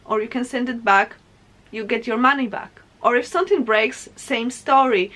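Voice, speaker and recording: A young woman with a Polish accent, from Poland, talks to camera for her vlog in a casual, animated way. She speaks at a moderate pace in a voice on the high side with a fairly bright tone.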